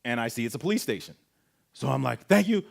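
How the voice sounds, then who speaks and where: A man from Canada, speaking at a camp and telling a personal story in an animated way, acting out voices and sound effects. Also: medium pitch, fast, gravelly, a little hiss or hum. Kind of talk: storytelling testimony talk.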